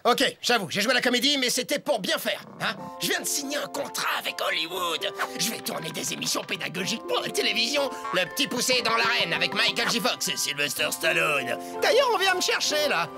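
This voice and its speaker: A man's voice: high voice, big pitch swings, brisk, creaky, few pauses, heavily acted. A man voicing a sly, scheming male crook in a cartoon, boastful and theatrical. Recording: music behind the voice.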